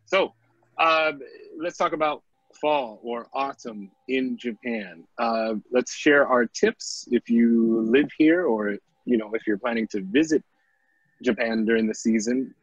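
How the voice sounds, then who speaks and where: A man's voice: medium pitch, a little slow, slightly rough, no echo. American man moderating, dry lo-fi sound. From United States. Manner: friendly, steering the talk. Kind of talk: moderating an online panel. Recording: dry, dull online call audio.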